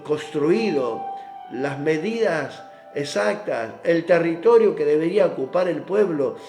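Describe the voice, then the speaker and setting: A man preaching a devotional sermon, reading scripture slowly and stressing points to the brethren. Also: fairly high pitch, a little mellow. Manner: reads scripture slowly, drawn out, with emphatic asides to the brethren. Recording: roomy echo with faint instrumental music. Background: faint instrumental music.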